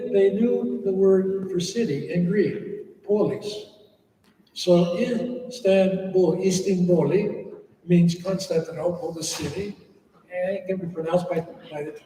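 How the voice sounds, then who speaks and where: In a church hall, an older monk from the United States speaks to an audience in a warm, high-sitting voice, a little slowly. His talk is informal and chatty, full of stories and humorous asides. The recording is echoey and distant, with slight background noise.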